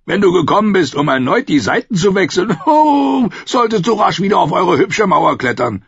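Male reader doing a jovial, booming wildling brute, husky and lively, dull dry audiobook sound. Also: normal speed, no room sound, exaggerated voice. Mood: roaring jovial. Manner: booming, laughing, mocking. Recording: muffled lo-fi recording.

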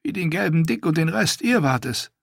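Man voicing a broken young male captive, pleading, stammering, gravelly. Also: on the high side, animated, normal speed, no echo, studio quality, pitched above the performer's own voice, heavily acted. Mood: desperate.

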